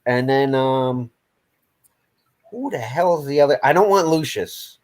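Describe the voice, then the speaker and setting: A man with an ordinary mid-range voice chats on a hockey podcast. He talks in an easygoing way, naming players with small pauses and ums. The delivery is relaxed and conversational. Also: medium pitch. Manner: easygoing, listing prospects with hesitations. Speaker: podcast co-host. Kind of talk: casual hockey chat.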